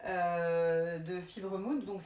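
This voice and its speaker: A woman's voice: fairly low pitch, slow, a little hiss or hum. Woman sewing instructor, English accent, casual filler-heavy delivery, echoey room. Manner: relaxed and chatty, many fillers. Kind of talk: live sewing tutorial.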